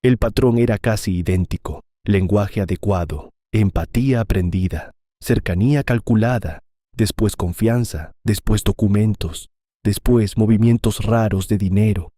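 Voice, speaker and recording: A man narrating a first-person story in a calm, measured way. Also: on the low side, dry recording.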